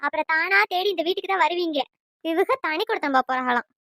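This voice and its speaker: A woman doing a shrill nagging mother-in-law. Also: fast, bright, forceful tone, no room sound, clean studio sound. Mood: scolding. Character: scolding sharp-tongued old mother-in-law. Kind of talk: cartoon voice acting.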